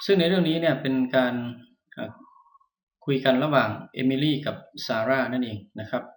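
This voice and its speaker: A man teaching English, reading a short dialogue aloud and explaining it line by line, with frequent pauses and fillers. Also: medium pitch. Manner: patient, frequent "ah" fillers, polite particles. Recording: echoey room.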